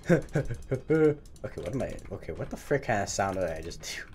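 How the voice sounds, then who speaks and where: A man's voice: on the low side, big pitch swings, measured pace, a little mellow, slight background noise. A man giving casual, rambling gaming commentary while he builds, stumbling over his words and cursing mildly at his own mistakes. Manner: self-mocking, chatty. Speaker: gaming channel host. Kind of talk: live Minecraft building commentary.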